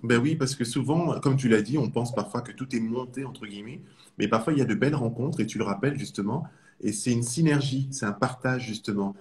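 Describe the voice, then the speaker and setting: A Frenchman hosts an interview in a mid-range, slightly mellow voice, speaking fairly quickly. He frames his questions with enthusiastic praise for his guest.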